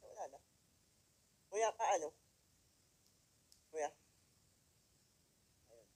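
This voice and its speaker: A man from the Philippines with a high-pitched voice tells his story to a live audience in an emotional testimony. He speaks straight to the crowd with pointed rhetorical questions. He jumps from loud, emphatic lines to quiet, hushed ones. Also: very slow, poor audio. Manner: swings between loud emphatic lines and quiet near-whispers. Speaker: motivational speaker at a company event.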